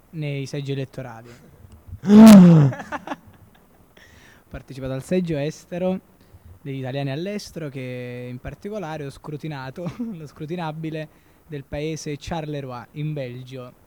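A man's voice: mid-range voice, dark tone. A male guest in casual comic chat, chuckling and rambling, his voice electronically altered to hide who he is. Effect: electronically altered voice to hide identity.

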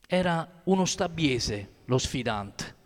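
High-voiced man reading a story in a hall. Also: expressive, takes it slowly. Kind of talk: first-person storytelling reading. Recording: long reverb of a hall.

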